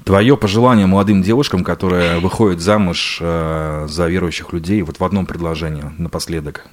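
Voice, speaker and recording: A man's voice: low voice, steady tone, fairly quick. A man hosting a radio studio interview, asking playful, teasing questions. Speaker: radio host.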